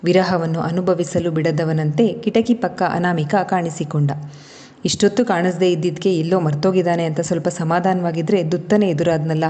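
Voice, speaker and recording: A woman narrating a romantic family story in a measured, expressive way. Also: fairly low pitch, big-room sound.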